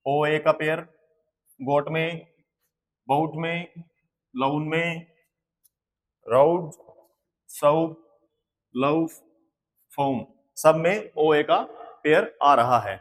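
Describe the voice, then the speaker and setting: A man with an Indian accent teaches pronunciation very slowly and patiently, with a slightly raised voice. He spells each word letter by letter and then repeats it. His voice rings in a room with a long echo. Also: a little high. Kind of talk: slow board lesson. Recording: long hall reverb.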